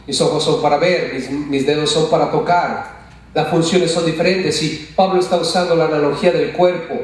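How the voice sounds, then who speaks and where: A pastor preaching a sermon and asking his congregation questions. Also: on the high side. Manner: asks the congregation questions, calls them brothers. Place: church. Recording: echoey church sound from far off.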